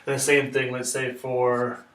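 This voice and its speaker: A man's voice: medium pitch, completely flat delivery, a little slow, fairly bright tone, slight background noise. A man teaching a chemistry lesson step by step, patient and repetitive, checking in with "okay?". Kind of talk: classroom lesson explanation. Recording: echoey room, mic far off.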